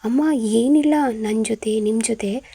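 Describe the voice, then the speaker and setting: A woman's voice: a little high, a little slow, creaky, mellow, breathy edge, dry recording, heavily acted. A woman voicing an evasive young man, the son of the house.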